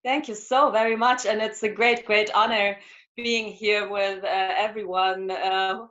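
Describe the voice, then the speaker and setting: Hungary-born woman in her 40s, earnest, halting, on headphones, dull call sound. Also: medium pitch, steady tone, a bit bright. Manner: earnest, moved, hesitant with fillers. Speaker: community member. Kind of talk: casual chat on a video call. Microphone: headphones on a video call.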